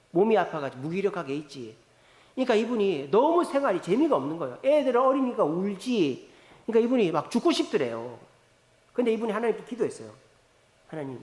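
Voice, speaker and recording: A man preaching a sermon, telling a story with lively, rising and falling emphasis. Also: on the high side. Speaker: pastor. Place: large church sanctuary. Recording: echoey church hall reverb.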